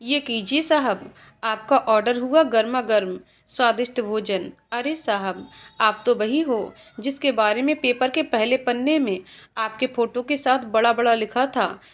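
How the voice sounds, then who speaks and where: A woman's voice: fairly high pitch, a little slow, lightly acted. A woman voicing an eager, servile male waiter who chats to his customer. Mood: chatty. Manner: servile, chatty.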